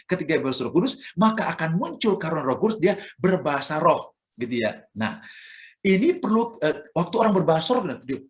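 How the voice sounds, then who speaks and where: A man with an Indonesian accent, a church elder preaching a sermon who acts out sounds and examples as he speaks. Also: fairly high pitch.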